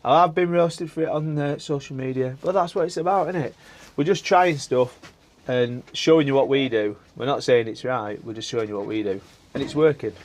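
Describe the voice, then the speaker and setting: This is a casual vlog from a man's allotment and greenhouse, where he rambles chattily while he works, sprinkling in filler words. He speaks briskly in a mid-range voice.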